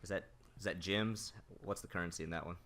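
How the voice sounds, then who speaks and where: A man's voice: deep voice, fairly even intonation, fast, fairly bright tone. A man, a guest on a casual gaming podcast, cracking teasing jokes. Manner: joking, teasing.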